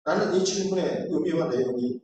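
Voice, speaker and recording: A man's voice: fairly high pitch, lively intonation, moderate pace, dark tone, far from the mic, slight background noise. A male pastor preaching a sermon with earnest storytelling that builds to emphatic appeals. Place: church sanctuary. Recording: echoey church hall from afar, faint ambience.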